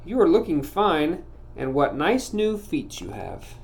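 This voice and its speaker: A loving mother mouse from a storybook greets her son softly and tenderly, as a man reading aloud puts her on. The voice stays close to his own, only hushed. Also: on the high side, big pitch swings, unhurried, vocal fry, exaggerated voice.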